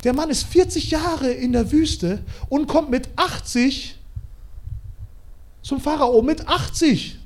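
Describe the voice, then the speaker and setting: A man preaching a sermon in an animated, colloquial way, swinging between quiet and loud. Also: extremely high pitch, slow.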